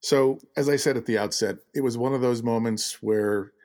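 A man hosting an interview podcast, speaking in a measured and congratulatory way. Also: medium pitch, fairly even intonation, darkish tone. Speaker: podcast host.

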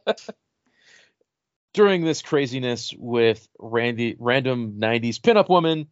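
A man's voice: mid-range voice, lively intonation, a little slow, no room sound. Male podcast host, wry and joking, mid-range voice, dry muffled recording. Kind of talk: casual chat reviewing a film. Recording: dry, dull lo-fi sound.

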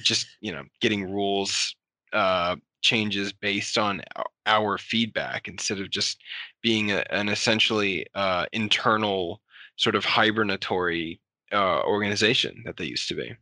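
Bright-voiced man chatting on a podcast. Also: on the low side, a little slow, no room sound. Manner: enthusiastic, rambling with fillers. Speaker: podcast host. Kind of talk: casual podcast chat.

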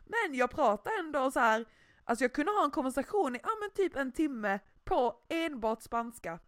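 A young woman chatting casually, telling a story with lively acted-out quotes. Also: fairly high pitch, no room sound, clean studio sound. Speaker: podcast co-host. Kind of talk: casual chat.

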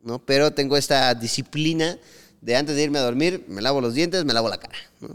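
A man's voice: medium pitch, a little fast, a bit bright, clear, resonant tone, long reverb tail. A young man with a Mexican accent, co-hosting a podcast and telling a story in casual, slangy chat, acting out what people said. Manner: slangy storytelling, acts out quotes. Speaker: podcast co-host.

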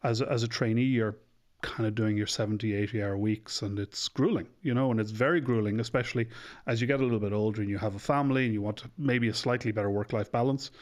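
An Irish doctor in his forties chats openly as a guest on a casual podcast interview, self-deprecating and thinking aloud with restarts. He talks fast in a fairly low voice with a steady tone.

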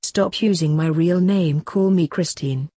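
A woman reading the lines of a blunt, sarcastic teenage girl in a sci-fi story, in a husky voice. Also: fairly low pitch, unhurried, mellow, dry recording, clean studio sound.

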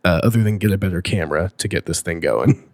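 A man co-hosting a casual podcast, hoarse with his voice nearly gone, talking in a hesitant, self-deprecating way. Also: sits low, fast, dry recording, clean studio sound. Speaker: podcast co-host.

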